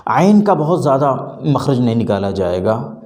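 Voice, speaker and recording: Male teacher, measured explanatory delivery, mellow tone, echoey room. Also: medium pitch, sing-song. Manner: measured, explanatory, slows to spell out letter sounds. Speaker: Urdu pronunciation teacher. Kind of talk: spoken lesson to viewers.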